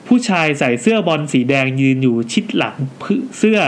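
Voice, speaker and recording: Fast-reading animated Thai podcast man. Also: on the high side. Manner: animated, quick reactions, jokey asides while reading. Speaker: podcast co-host reading listener ghost stories. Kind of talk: casual chat, reading listener letters aloud.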